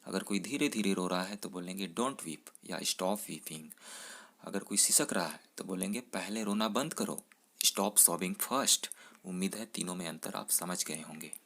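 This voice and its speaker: A man with a fairly low voice teaches an English vocabulary lesson to Hindi speakers. He explains each word plainly, then says the English example sentences slowly and carefully. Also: creaky, fairly bright tone.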